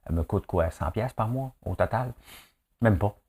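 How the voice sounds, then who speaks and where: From a rural countryside home, a man with a Québécois French accent hosts a casual daily news commentary, chatty and joking with plenty of fillers and asides. His voice is fairly low, darkish and slightly rough, at a normal speed.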